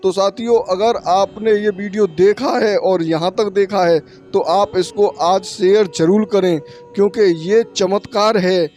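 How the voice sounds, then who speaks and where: A high-pitched man speaks urgently to his viewers as friends while filming a devotional pilgrimage vlog outdoors. He talks into a camera mic from a motorbike on a muddy road in the rain, with faint music underneath. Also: steady tone, a little slow, darkish tone. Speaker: pilgrimage vlogger. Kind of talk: devotional travel vlog narration.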